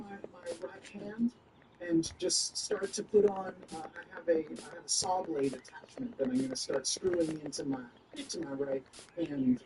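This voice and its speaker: A man playing in a tabletop game, talking casually and hesitantly with many fillers. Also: high-pitched. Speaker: player. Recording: distant mic, faint noise.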